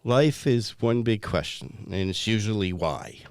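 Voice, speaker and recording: A man's voice: on the low side, expressive, a little slow, smooth, dry recording, clean studio sound. A man with a New England accent co-hosting comedic banter, ranting with exasperation about everyday phrases. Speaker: co-host.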